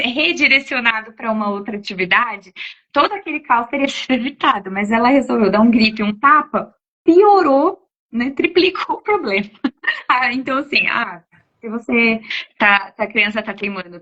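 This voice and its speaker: A woman, an educator in her forties, casually answering parenting questions, often ending phrases with a questioning tag. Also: on the high side. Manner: warm explanatory, frequent "né?" tags. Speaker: educator giving parenting talk. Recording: dull lo-fi audio.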